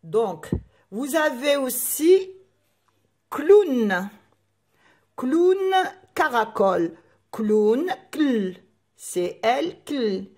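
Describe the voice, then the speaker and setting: A woman teaching young children to read, her voice high and her delivery very slow. She spells out letters and sounds one by one, pausing over each. The recording carries a roomy echo. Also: very animated, a little mellow. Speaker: primary school teacher. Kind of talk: recorded classroom lesson.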